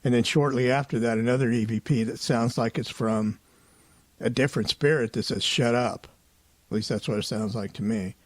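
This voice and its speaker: A man hosting a paranormal investigation show, giving a casual voice-over recap in a relaxed, conversational way and often hedging his opinions. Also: mid-range voice, fairly quick.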